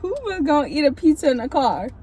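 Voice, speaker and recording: A woman's voice: sits high, very animated, quick pace, warm tone, slight background noise. A young woman in a parked car, bickering back sassily and defending herself in casual chat. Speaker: vlogger.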